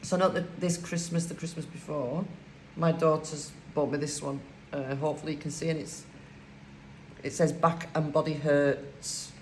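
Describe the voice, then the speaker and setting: Crafting at home, an older woman from Lancashire, England, talks in a deep, steady voice at a moderate pace. Her broad Lancashire accent carries a casual, filler-heavy ramble for her vlog, recorded in an echoey room with faint hiss.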